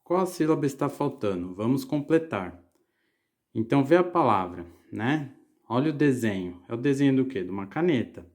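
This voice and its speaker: A man's voice: medium pitch, lively intonation, moderate pace, darkish tone. A man teacher with a Brazilian Portuguese accent, walking children through exercises and often checking that they follow. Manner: patient, explaining, checking in with "certo?". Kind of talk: literacy lesson to children.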